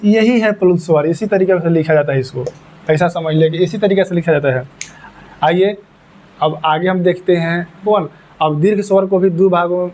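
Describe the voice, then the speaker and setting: A male teacher explains a lesson in a slightly high voice, going over each point more than once. He asks questions and answers them himself. The recording sounds muffled and lo-fi. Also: a little mellow, slight background noise. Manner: repetitive, explains step by step, asks and answers his own questions. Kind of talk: classroom lesson. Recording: dull lo-fi recording.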